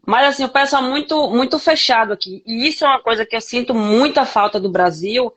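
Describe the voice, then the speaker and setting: A woman from Brazil, a podcast guest telling her life story frankly in a halting way, with many restarts. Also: a little high, a bit bright. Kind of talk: candid conversational interview.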